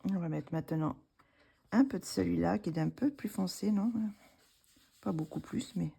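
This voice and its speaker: A woman's voice: fairly low pitch, moderate pace, gravelly, dark tone, slightly rough. A woman with a French accent, casually narrating a craft tutorial while she works, thinking aloud with hesitations. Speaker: art tutorial host.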